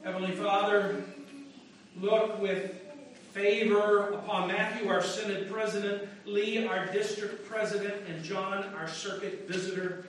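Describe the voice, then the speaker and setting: A man leading liturgical prayers as pastor, intoning in a measured, solemn way, his voice ringing through a large church. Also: high-pitched, flat delivery, a bit bright, recorded from a distance, slight background noise. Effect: large church echo. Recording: echoey church heard from afar.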